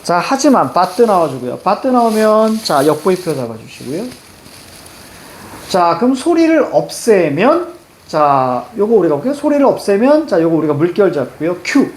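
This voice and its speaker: In a roomy-sounding recording with a little hiss or hum, a high-voiced man teaches an exam reading lesson. He lively walks students through a passage, prompting them with questions and saying "자" constantly.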